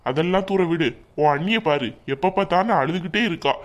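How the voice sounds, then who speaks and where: A woman voicing a calm, patient young husband lying injured in a hospital bed, in a cartoon. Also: lowish voice, fairly quick, natural voice. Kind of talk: cartoon voice acting.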